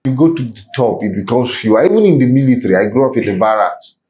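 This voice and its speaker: A Nigerian man speaks conversationally as an interview guest. His voice sits at a middle pitch, and he drives his advice home in an emphatic, preacher-like way with rhetorical questions. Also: lively intonation, fast, warm tone, faint music behind. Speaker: podcast guest, real estate business executive.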